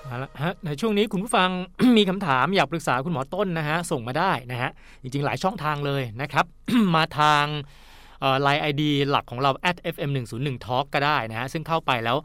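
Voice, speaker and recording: Brief: male radio host, polite and friendly, slightly high voice, dry close mic. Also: expressive, quick pace, a bit bright, dry recording, soft background music. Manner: polite, chatty, reads listener questions. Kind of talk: radio call-in hosting.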